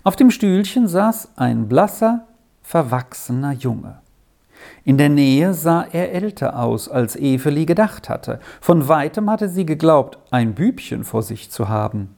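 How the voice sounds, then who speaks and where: A storyteller reading a children's story aloud in a slow, expressive way. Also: mid-range voice, vocal fry.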